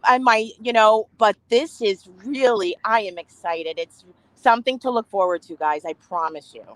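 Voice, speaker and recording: A woman's voice: medium pitch, moderate pace, fairly bright tone, no room sound, rough recording. A woman guest on a remote call with a bad connection, chatting emphatically and laughing often. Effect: remote call audio with a bad connection. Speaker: reality TV cast member, guest. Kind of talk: casual chat interview. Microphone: remote video call.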